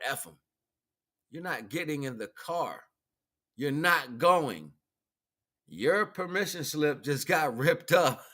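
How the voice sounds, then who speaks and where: An American livestream host delivers an informal spiritual monologue, preaching in an animated, colloquial way and repeating phrases. His voice is a little high.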